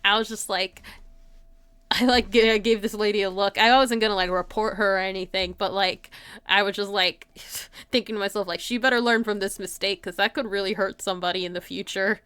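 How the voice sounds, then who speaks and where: With a medium-pitched, steady, somewhat bright voice that is clear and resonant, this woman livestream host talks briskly, and there's no room sound. She's informal and giggly with viewers, filling her speech with "like."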